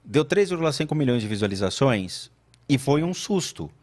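A man chatting as a podcast guest, telling a story with lively delivery and acting out what others said. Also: medium pitch, moderate pace. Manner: animated storytelling, acts out quoted voices. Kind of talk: casual chat.

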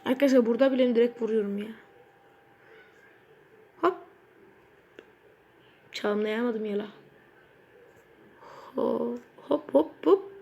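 A woman giving excitable, foul-mouthed commentary while playing a mobile football game, bursting into shouts at the game. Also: on the high side, takes it slowly, gravelly, pauses often. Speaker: gaming channel host.

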